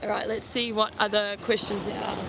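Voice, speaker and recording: This young New Zealand travel vlogger has a bright, medium-pitched voice with little pitch movement and some vocal fry, talking fairly quickly. Sweaty and squinting in the sun on a beach promenade, she chats through a livestream answering viewer questions, peppering everything with "like." The recording is rough, with faint street and traffic noise.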